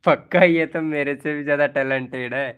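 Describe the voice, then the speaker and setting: A man's voice: fairly high pitch, steady tone, moderate pace, smooth, narrow, tinny audio. A man hosting a casual live stream, playfully teasing viewers as he reads their messages. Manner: playful, teasing, chuckling often.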